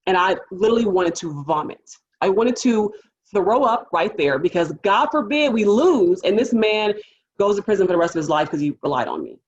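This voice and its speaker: A woman public defender telling a courtroom story to a panel audience, lively and animated, acting out the people she quotes. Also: mid-range voice, moderate pace, dull audio.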